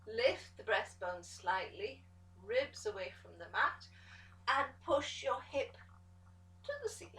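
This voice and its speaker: A woman pilates instructor giving calm step-by-step cues to an exercise class, encouraging as she goes. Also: fairly high pitch, takes it slowly, far from the mic. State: out of breath at times. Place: pilates studio room. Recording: echoey studio room, voice from off the mic.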